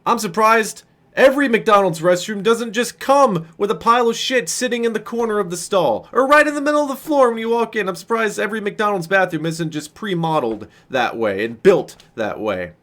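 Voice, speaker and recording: Man vlogger, high-pitched voice, sarcastic, exasperated, swearing a lot. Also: animated, a little fast, a bit bright. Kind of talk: ranting storytelling vlog.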